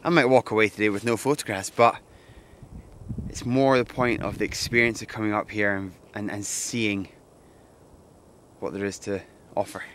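A man's voice: on the low side, fairly even intonation, moderate pace, long pauses, a bit bright. A young man with a cold, a landscape photographer enthusiastically talking through his plans to camera on a windy hilltop. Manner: enthusiastic, thinking aloud. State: has a cold. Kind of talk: outdoor vlog narration. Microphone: camera mic, hand-held close and far camera. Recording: wind noise on outdoor mic.

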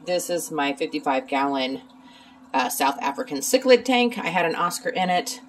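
A woman with the hiccups, chatting casually in a home vlog about her fish tank, halting often with ums and excusing herself. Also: low voice, slight background noise. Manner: halting, filler-heavy, with hiccups and throat clearing. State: has the hiccups. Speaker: aquarium hobbyist vlogger.

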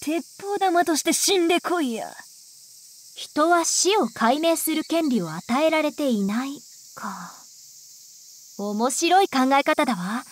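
A woman's voice: sits high, animated, slow. A woman playing a confident, teasing young woman in a Japanese visual novel game, wry and playful. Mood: amused, approving. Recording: music under the voice.

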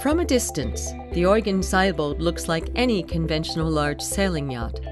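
Brief: female documentary narrator, low register, measured explanatory read, music underneath. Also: lively intonation. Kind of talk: scripted narration. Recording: voice-over with music bed.

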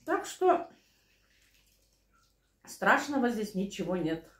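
A woman's voice: medium pitch, big pitch swings, slow pace. A middle-aged woman chatting casually over a meal at home. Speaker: mukbang vlogger. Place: small living room at home, indoors. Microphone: camera across the table. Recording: roomy home room, clinking cutlery and dishes. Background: cutlery and dishes.

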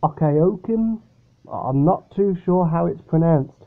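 A man chats his way through a drink review in a rambling, hesitant manner. His voice sits fairly high. The sound is thin and boxy, like a phone line. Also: expressive, moderate pace. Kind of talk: casual product review. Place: upstairs bedroom at home.

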